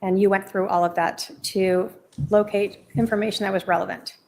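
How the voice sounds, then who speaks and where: A woman's voice: mid-range voice, steady tone, moderate pace, vocal fry, a little mellow, low-quality recording. A woman prosecutor putting questions to witnesses in court. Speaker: prosecuting attorney. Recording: faint background noise.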